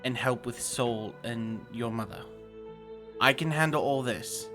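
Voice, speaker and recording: A man voicing a steady, protective male adventurer who gives firm, reassuring commands. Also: mid-range voice, unhurried, music in the background, lightly acted.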